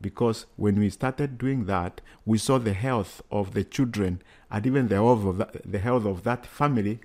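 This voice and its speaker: A man's voice: fairly low pitch, normal speed, dark tone. A man with a Kenyan accent answering interview questions earnestly, repeating phrases for emphasis. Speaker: children's charity worker, interview guest.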